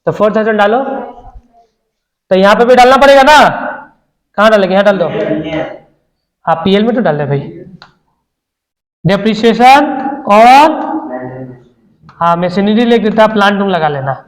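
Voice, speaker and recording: A man's voice: high voice, animated, moderate pace, long pauses. A man tutoring an accounts class, quizzing students and repeating the figures aloud. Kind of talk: classroom lesson. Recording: echoey room.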